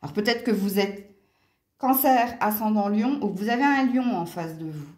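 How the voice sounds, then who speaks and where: At normal speed and in a darkish mid-range voice, a Franche-Comté woman does a relaxed tarot and astrology reading for her viewers. She's talkative, with frequent small exclamations and "hein" tags. She's at home near a window, and the sound is echoey.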